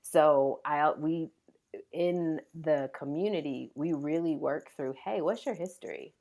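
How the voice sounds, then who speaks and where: A woman's voice: sits low, measured pace, dark tone. A woman in her thirties, a pediatric physical therapist, speaking earnestly as a guest in a podcast interview.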